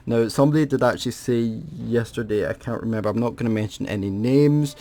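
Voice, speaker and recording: Complaining to camera in unscripted gaming commentary, this British host feels he's been ripped off. His rambling speech is full of restarts and self-corrections. He talks fast in a medium-pitched voice with a dark tone.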